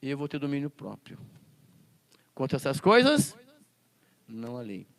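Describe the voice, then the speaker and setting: Animated man teaching a Bible class. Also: mid-range voice, moderate pace, vocal fry. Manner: asks the class rhetorical questions; quotes scripture and acts out classroom scenes.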